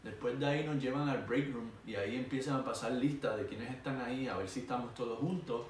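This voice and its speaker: A young man with a Puerto Rican Spanish accent tells a story in a casual, animated way and acts out the voices of people yelling. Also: medium pitch, a little fast. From Puerto Rico. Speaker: vlogger. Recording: echoey room from far off, faint noise.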